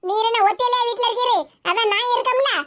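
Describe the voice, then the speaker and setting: A woman's voice: very high-pitched, steady tone, fast, sharp tone. A woman voicing a bossy, nagging cartoon woman who scolds her husband, with a Tirunelveli Tamil accent. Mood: scolding. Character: bossy, sharp-tongued mother-in-law. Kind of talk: cartoon voice acting. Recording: noisy lo-fi recording.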